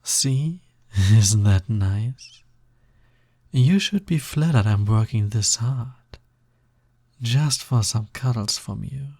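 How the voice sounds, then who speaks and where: A man takes on the role of a smug, touch-starved naga demon for an intimate audio roleplay, teasing and coaxing the listener. He drawls softly and slowly at medium pitch, his voice mellow and breathy with a slight gravelly creak. There is no room sound.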